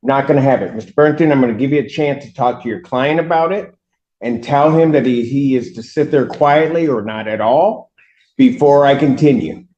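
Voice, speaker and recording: A man's voice: mid-range voice, normal speed, a little mellow, highs cut off. A man presiding as judge, sternly admonishing a defendant during court proceedings, heard on a courtroom recording.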